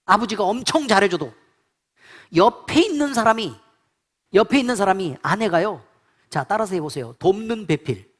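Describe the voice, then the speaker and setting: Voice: medium pitch, a bit bright, breathy edge. A pastor preaching a sermon in blunt, colloquial speech, repeatedly quizzing the congregation with call-and-response questions.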